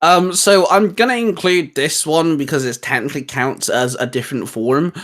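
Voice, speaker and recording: Over music, a man with a fairly high voice at normal speed co-hosts a geek culture show, chatting casually about video game designs in a hesitant, rambling, informal way sprinkled with slang.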